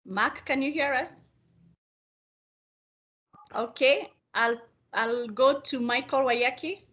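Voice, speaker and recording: A woman's voice: high-pitched, takes it slowly, a bit bright, breathy edge. A woman hosting a video meeting, polite and hesitant, with frequent fillers. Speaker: meeting host. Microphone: video call. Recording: slightly dull video-call audio.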